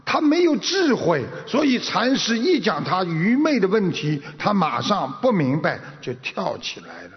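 A man's voice: high voice, huge pitch swings, unhurried, hardly any pauses. A man giving a Buddhist sermon to a seated audience, telling stories, acting out the quotes and chuckling. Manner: storytelling, acts out quotes, chuckles. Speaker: Buddhist master. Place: lecture hall with audience. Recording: dull recording in an echoey hall.

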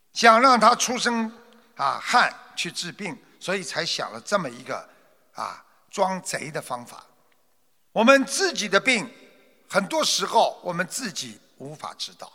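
High, animated male storyteller in reverb. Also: a little slow. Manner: expressive, dramatic, lecturing. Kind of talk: moral storytelling with commentary.

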